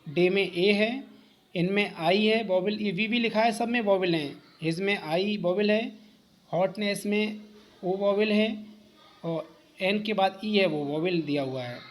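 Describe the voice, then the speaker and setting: A man's voice: high voice, a little slow. Man teaching, asks and answers himself. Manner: explains step by step, asks and answers own questions. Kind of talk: exam-prep lecture.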